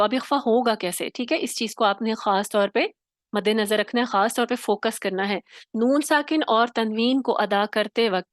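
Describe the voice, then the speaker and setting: A woman's voice: on the high side, no room sound. Patient woman teacher, dry close voice. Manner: patient, explains step by step, checks in often. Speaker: Quran recitation teacher. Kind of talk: online tajweed class.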